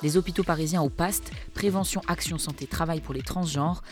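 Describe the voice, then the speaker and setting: A narrator reading a measured, scripted introduction to an episode. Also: mid-range voice, soft background music.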